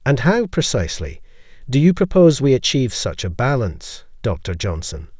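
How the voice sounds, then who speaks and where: A man reads a cautious female alien envoy in a sci-fi audio story. Her words are measured and diplomatic, with a lively lilt. The recording is dry. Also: mid-range voice, husky, no room sound.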